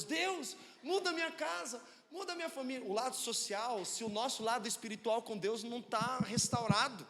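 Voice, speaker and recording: A man's voice: sits high, fairly bright tone, big-room sound. A man preaching a sermon in a church, telling a family story in a conversational way and checking in with the congregation.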